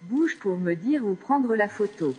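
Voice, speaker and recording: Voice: medium pitch, lively intonation, unhurried, warm tone, slight background noise. A text-to-speech voice playing a friendly, helpful companion robot, giving polite, chirpy scripted replies during a live stage demo. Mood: cheerful. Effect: synthetic text-to-speech robot voice from a small speaker. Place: event stage in a large hall. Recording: long hall reverb, airy tone.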